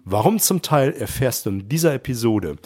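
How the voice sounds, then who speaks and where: A man's voice: mid-range voice, big pitch swings, normal speed, darkish tone. A man in his thirties with a stuffy nose from a cold, hosting a motivational sales podcast and encouraging the listener directly. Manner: earnest, encouraging, direct address. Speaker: podcast host, sales coach.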